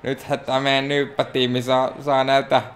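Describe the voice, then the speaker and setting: In this let's play of a wrestling game, a man from Finland who runs a gaming YouTube channel chatters excitably and mocks himself while addressing the characters on screen. His voice sits in the mid-range.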